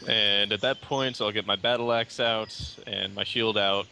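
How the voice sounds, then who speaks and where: A man with a very bright, forceful voice and a gravelly creak speaks as a player at a tabletop game. His talk is casual, with faint nature ambience behind it. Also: lowish voice, steady tone, moderate pace, slight background noise.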